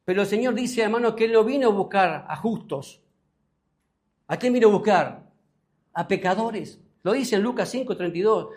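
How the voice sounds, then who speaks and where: Rioplatense male pastor, high voice, sermon with sudden rises and questions to the congregation. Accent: Rioplatense Spanish. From Uruguay. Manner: preaching with sudden rises in pitch and loudness, asking the congregation questions.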